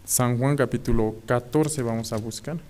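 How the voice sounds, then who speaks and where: A man preaching as an evangelist at an online prayer service, speaking haltingly, repeating phrases and often asking his listeners to agree. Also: medium pitch, a little mellow, slight background noise.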